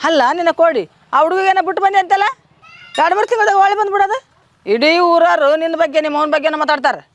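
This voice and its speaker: Actress as nosy old granny, North Karnataka accent, very high, quick, music bed. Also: female voice. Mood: gossipy. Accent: North Karnataka Kannada. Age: older. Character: gossiping old village grandmother. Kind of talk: short film acting.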